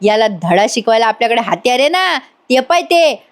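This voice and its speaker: A woman's voice: a little high, sing-song, normal speed. A woman doing a wisecracking village sidekick. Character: joking young village man, sidekick.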